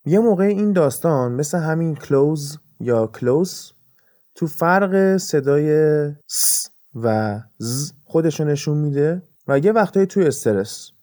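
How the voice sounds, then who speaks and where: Animated and fairly high-pitched yet dark in tone, a male English teacher hosts an educational podcast, explaining things patiently, one step at a time, with examples.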